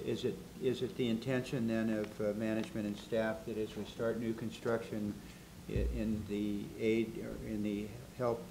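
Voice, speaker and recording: Low flat-voiced man asking questions. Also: noisy background. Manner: halting, polite, many restarts. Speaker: board vice chair. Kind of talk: asking questions at a public meeting. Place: large public meeting hall. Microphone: desk microphone.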